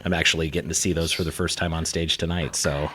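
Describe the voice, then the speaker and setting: A man's voice: a bass voice, level tone, fast, fairly bright tone, slight background noise. A man directing a community play, talking in a casual, chatty interview. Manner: easygoing, chatty, with filler words. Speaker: theatre director.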